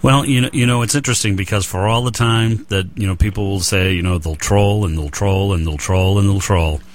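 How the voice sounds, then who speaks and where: A man's voice: lowish voice, fairly even intonation, a little fast. A man with a Boston accent hosting a radio hobby show, chatting loosely with many fillers and restarts. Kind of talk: casual interview chat.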